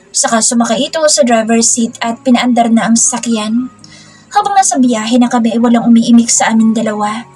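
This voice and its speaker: A woman narrates a storybook romance in the first person, reading steadily and plainly. Her voice sits slightly high. Faint music runs behind her. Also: a little mellow, breathy edge.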